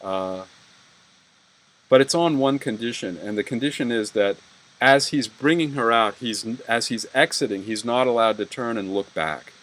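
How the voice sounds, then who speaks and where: A man's voice: medium pitch, normal speed, a bit bright, low-quality recording. A man giving a university lecture, rambling and peppering his talk with "right?" and "you know".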